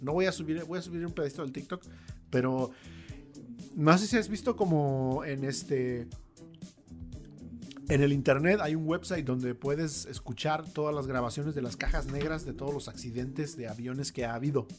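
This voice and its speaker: A man's voice: a little high, normal speed, a little mellow, faint music behind. A man with a Mexican Spanish accent, co-hosting a podcast and telling stories in loose, profane casual chat. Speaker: podcast co-host.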